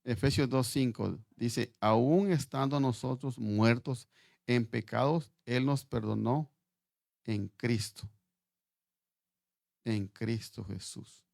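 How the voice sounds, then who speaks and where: A man preaching a sermon in Spanish, halting and repeating words as he reads scripture aloud. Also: mid-range voice, creaky, darkish tone, dry recording, studio quality.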